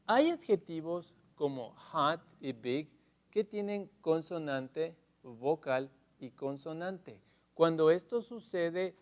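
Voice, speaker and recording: In a televised lesson, a man with a slightly high voice teaches English grammar in Spanish. He explains step by step and loudly stresses every English example.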